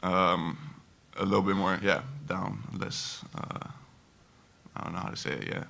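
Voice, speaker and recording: A young college basketball player answers reporters at a press table in a low, flat voice. His tone is gravelly yet bright, and he stops and restarts often, full of fillers. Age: young adult. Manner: halting, many fillers and restarts. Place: press conference room. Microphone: table microphone.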